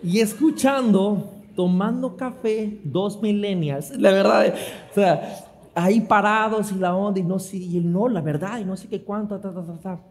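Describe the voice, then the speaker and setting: A middle-aged man preaching, telling a story with lively acted-out dialogue and laughter. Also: high-pitched, unhurried. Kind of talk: storytelling sermon.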